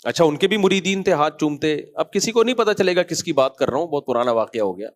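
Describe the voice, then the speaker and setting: A male scholar delivers a relaxed religious talk built from anecdotes and jokes. His voice sits a little higher than most men's, and he slips into different voices to act out each character's lines. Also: fast talker. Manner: storytelling, acts out dialogue in different voices, chuckles. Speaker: Islamic scholar giving a talk.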